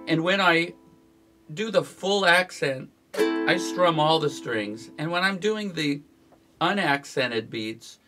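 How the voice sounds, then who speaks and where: A man's voice: a little high, takes it slowly. Man teaching guitar over strumming. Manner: counts beats aloud while strumming. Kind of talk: relaxed instructional talk. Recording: guitar playing behind the voice.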